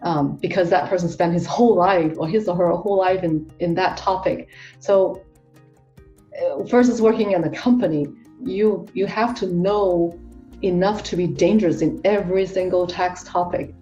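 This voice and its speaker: Heard at a normal speed on a muffled, dull recording made away from the mic, with soft music in the background, a Hong Kong tax professional chats through her interview answers. She relaxes into it, using lots of fillers, restarts and self-corrections, in a mellow, slightly low voice.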